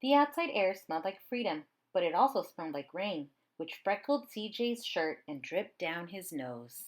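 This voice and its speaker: Reading a children's tale with lively expression, this woman narrates at a moderate pace. Her pitch is fairly low, suiting her role as a storybook reader.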